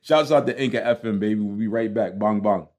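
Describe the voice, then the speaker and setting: Brooklyn guy doing his podcast, lowish voice, slangy casual talk, lots of emphasis. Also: fast, a little mellow. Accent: Brooklyn, New York. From Brooklyn, New York. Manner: slangy, emphatic, conversational storytelling. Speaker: podcast host.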